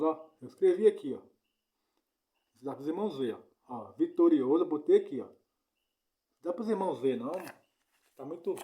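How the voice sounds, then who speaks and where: Man preaching in a mellow voice. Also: a little high. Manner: repetitive, keeps asking "né?" and "entendeu?". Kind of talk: informal Bible teaching.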